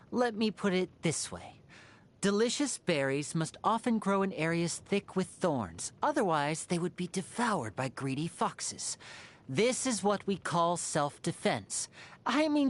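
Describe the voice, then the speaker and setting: Lively, playful young magician Lyney. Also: female voice, lowish voice. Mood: teasing, confiding. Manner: theatrical, teasing, smooth showman. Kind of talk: video game character voice lines.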